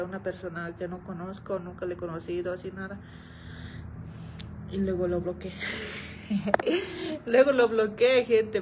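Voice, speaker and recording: A young woman chats straight to her followers in a casual vlog, looping back over her own phrases as the story builds. Her voice sits at an ordinary middle pitch, with a faint hiss behind it. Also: poor audio. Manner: chatty, repeats phrases, keeps addressing viewers. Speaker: vlogger.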